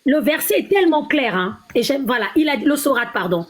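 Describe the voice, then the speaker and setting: A woman with a high voice argues in a heated live-stream debate. She presses hard and repeats her questions over and over, heard through a phone in the call. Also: lively intonation, a little fast.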